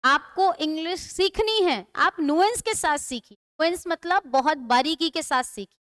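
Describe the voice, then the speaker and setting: A woman's voice: extremely high pitch, normal speed, a bit bright, dry recording, clean studio sound. A woman teaching English vocabulary in a classroom-style lesson, explaining patiently, repeating words and asking her students questions.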